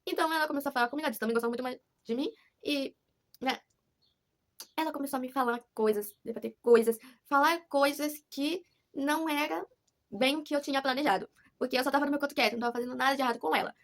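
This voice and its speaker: Brazilian woman vlogger, high-pitched, rapid-fire, earnest confessional rambling. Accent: Brazilian Portuguese. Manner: rambling, earnest, many restarts. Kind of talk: casual confessional vlog.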